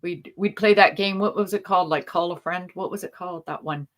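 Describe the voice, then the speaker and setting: A woman with a fairly low voice chats casually on a livestream over a video call. She is talkative and laughs often, and her sentences often trail off unfinished. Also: fairly quick. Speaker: co-host.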